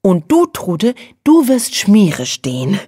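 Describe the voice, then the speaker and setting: A woman voicing a fearless, bossy young female dormouse who gives brisk, conspiratorial commands. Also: lowish voice, animated, darkish tone, husky, no room sound, studio quality.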